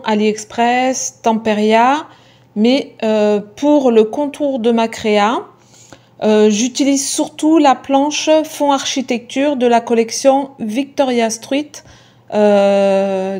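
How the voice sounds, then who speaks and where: Slow-talking, hesitant woman crafter. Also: a little high, darkish tone. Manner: hesitant, frequent filler sounds; friendly, addresses viewers directly. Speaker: craft video creator. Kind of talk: chatty crafting voice-over.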